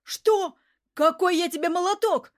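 Woman reader doing a coarse, yelling man in hiding, defensive and hot-headed, pitched fairly high for a man, for an audiobook. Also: lively intonation, brisk, no echo, clean studio sound. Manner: shouting, coarse street talk. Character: rough, hot-tempered hunted man, loud and defensive.

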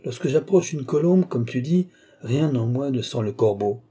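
A man's voice: medium pitch, animated, moderate pace, dark tone, husky. A man voicing an aged, mannered court duke who mocks and lectures in an affected, theatrical way. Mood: sly mocking.

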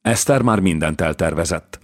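Brief: male audiobook reader, measured and low, very dry studio. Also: lively intonation, dry recording. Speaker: audiobook narrator. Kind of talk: scripted historical novel narration.

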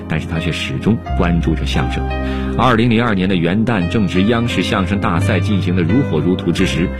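A male radio host reads his script in a measured, formal manner. His voice is low, with guitar music clearly underneath. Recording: radio voice over music bed.

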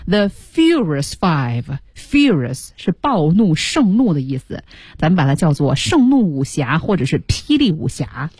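A woman co-hosts a radio English lesson in a chatty way, with lively pitch and a slightly husky voice. She explains with rhetorical questions. The recording is dry. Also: measured pace, dry recording. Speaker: co-host English teacher.

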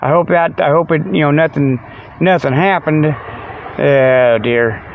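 A fairly high-pitched American man speaks slowly while hosting a comic Sasquatch show in a rambling, folksy monologue with joking asides. The recording carries a little hiss or hum and sounds close, dry, dull and lo-fi, much like radio.

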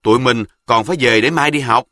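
A man voicing a clever, bossy boy from the south who speaks quickly and confidently with a Southern Vietnamese accent. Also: mid-range voice, bright, forceful tone, no echo, studio quality, close to an everyday voice. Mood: scheming. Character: sharp, know-it-all southern boy, ringleader.

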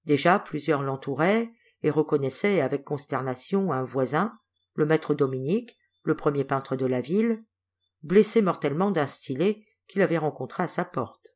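A woman reads a classic novel aloud in a measured, expressive way. Her voice sits a little low for a woman, and she paces the storytelling with care. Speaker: audiobook reader. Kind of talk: literary audiobook narration.

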